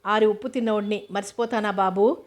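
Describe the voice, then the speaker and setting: A woman reading aloud, voicing a humble old male gardener with slow rustic village speech. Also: medium pitch, fairly even intonation, close to an everyday voice. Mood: sorrowful.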